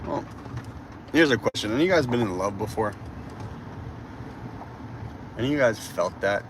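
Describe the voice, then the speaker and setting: A man's voice: on the low side, moderate pace, background noise. A man in his twenties streaming live while driving through a city, chatting casually and rambling. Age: 20s. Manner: rambling, animated, says bro a lot. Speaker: livestreamer. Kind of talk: casual livestream chat.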